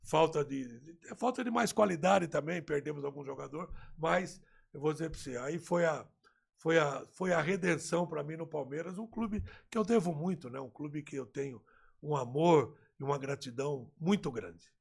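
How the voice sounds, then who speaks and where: A Brazilian man, a football coach, telling a story in a conversation and acting out the remembered dialogue in a lively way. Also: on the high side, normal speed, vocal fry, husky.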